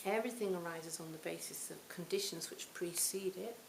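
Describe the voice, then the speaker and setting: A woman in her sixties giving a reflective Buddhist talk to a retreat audience, her phrases often trailing off softly. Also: fairly low pitch, fairly quick, vocal fry. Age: 60s. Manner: reflective, warm storytelling with soft trailing phrase ends. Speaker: Buddhist teacher. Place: retreat hall. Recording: roomy hall, faint hiss.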